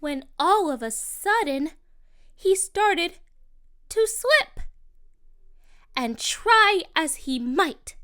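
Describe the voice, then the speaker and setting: High, slow sing-song storybook woman. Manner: slow, expressive, sing-song rhyming delivery. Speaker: storybook narrator. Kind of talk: children's picture book read-aloud.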